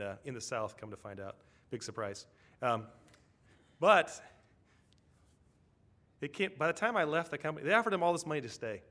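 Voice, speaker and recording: A man's voice: on the high side, fairly bright tone. A man preaching a conversational sermon, telling a story and asking his congregation tag questions.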